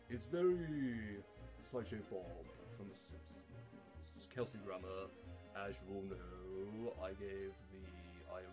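Chatty low-voiced man. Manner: chatty, self-deprecating, rambling. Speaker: fan voice actor. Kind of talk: casual explanation to camera.

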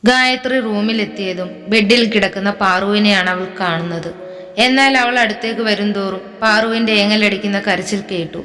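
Female storyteller reading a romance aloud, mid pitch, reverberant room, faint music bed. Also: moderate pace. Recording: long reverb with soft music.

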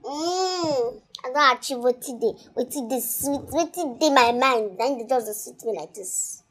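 A woman's voice: sits high, moderate pace, a bit bright. An actress in a Nollywood film playing a defiant, boastful young woman who mocks and laughs, speaking with a Nigerian Pidgin accent. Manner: boastful, mocking, laughs often. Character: brash, defiant young woman scheming for a man. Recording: film soundtrack with music underneath.

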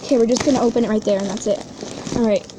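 A woman in a casual unboxing vlog at home, excitable and gushing, gasping often over what she finds. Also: fairly high pitch, very fast, background noise. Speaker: toy unboxing vlogger. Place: at home indoors.

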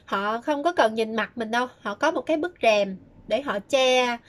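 A woman's voice: on the high side, expressive, normal speed. A woman giving chatty, casual advice, often starting sentences with filler words. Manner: chatty, many fillers and repeated "đó". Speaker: fortune-telling vlogger. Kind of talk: casual spoken advice talk.

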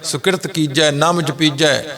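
A middle-aged man delivers a sermon at a very unhurried pace. He chants lines of scripture, then explains them in plain speech. His voice sits a little high and sounds bright and forceful. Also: fairly even intonation. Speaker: Sikh preacher.

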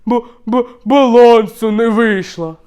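A man voicing a hapless, tipsy hunter friend who shouts in long drawn-out cries and stammers. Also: extremely high pitch, clean tone. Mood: sheepish stammering.

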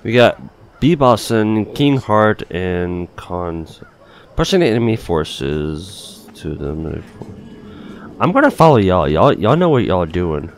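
A man's voice: low voice, sing-song, slow, slight background noise. A man giving casual gameplay commentary, thinking aloud informally as he plays. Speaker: gaming video host.

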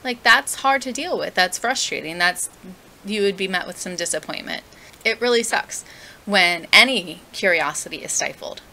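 A woman's voice: mid-range voice, expressive, normal speed, sharp tone, poor audio. A young woman teaching parents how to handle toddler tantrums, earnest and conversational, often asking the viewer questions. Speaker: parenting educator. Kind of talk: direct-to-camera parenting advice.

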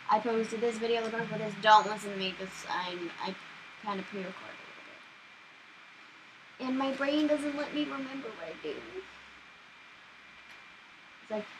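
A young woman hosting a gaming channel, chatting casually and excitably while she plays, often startled. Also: fairly high pitch, background noise. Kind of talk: casual gameplay commentary.

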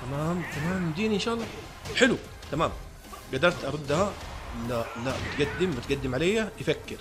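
A man giving excited live commentary on a fighting game, talking to his viewers and taunting his opponent. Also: a little high, quick pace. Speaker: gaming YouTuber.

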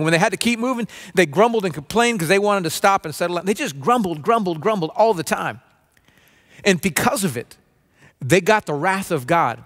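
A man in his forties preaching a sermon from a stage, earnest and conversational, often restarting phrases and mimicking a low grumble. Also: a bit bright. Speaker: pastor. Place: dim stage with spotlights, seated at small table.

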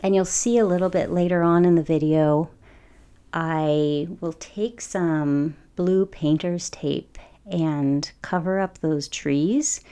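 A woman's voice: fairly low pitch, warm tone, smooth. A woman in her forties chatting casually over her painting process, rambling with frequent ums. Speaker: watercolor artist.

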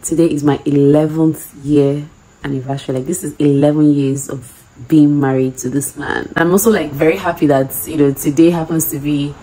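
Tired, calm woman with a low, mellow voice. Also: normal speed, poor audio. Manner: calm, gushing with pride. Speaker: graduate's wife. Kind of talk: casual talk to camera.

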